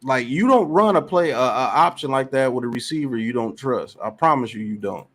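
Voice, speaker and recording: Brisk and mid-range in pitch, a male podcast host runs a casual sports show, reading out chat comments. He makes his case in an animated, emphatic way, repeating phrases as he goes.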